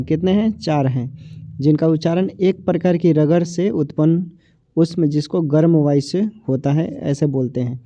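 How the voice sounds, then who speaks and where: Dark-voiced man teaching exam grammar. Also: fairly high pitch, no room sound. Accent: Hindi of Bihar. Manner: repetitive, asks and answers his own questions; drags out sounds when saying them. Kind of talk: exam-prep grammar lesson. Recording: dull, dry, lo-fi voice recording.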